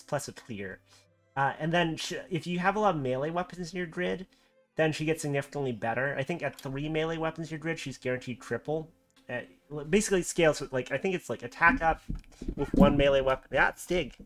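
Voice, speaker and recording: A game streamer giving live commentary at home, excitable, swearing often and laughing at their own mistakes. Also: mid-range voice. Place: at home with a cat nearby.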